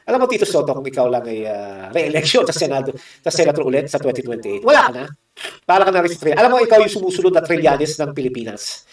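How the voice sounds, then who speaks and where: A man's voice: fairly high pitch, big pitch swings, fast talker, reverberant, far from the mic. A man from the Philippines giving heated political commentary, combative and mocking, with constant rhetorical asides.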